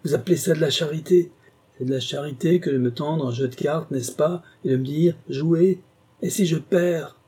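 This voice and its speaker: A man's voice: medium pitch, normal speed, slightly rough, natural voice. A man voicing a tormented old gambler who believes he sold his soul, speaking with impassioned, feverish intensity in an audiobook reading. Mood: indignant. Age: older. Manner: impassioned, swings from grave confession to raging shouts.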